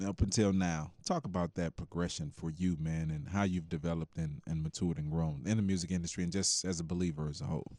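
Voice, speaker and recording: A man hosting a casual interview asks his questions in an affirming way, dropping "yeah" and "man" between phrases. His voice sits on the low side, and the recording is dry and close. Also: steady tone, brisk, hardly any pauses, darkish tone, no echo. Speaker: interview host.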